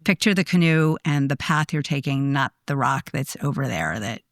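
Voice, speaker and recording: A woman's voice: a bass voice, animated, moderate pace, dry recording, studio quality. A woman hosting a podcast, responding to her guest with enthusiastic affirmation in casual conversation. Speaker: podcast host.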